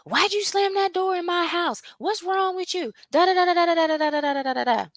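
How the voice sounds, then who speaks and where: High, shrill nagging parent yelling at a kid, as a woman puts it on. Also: fast talker, no room sound, studio quality. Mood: scolding. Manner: shrill, nagging, rambling scolding. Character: angry shouting parent scolding a child.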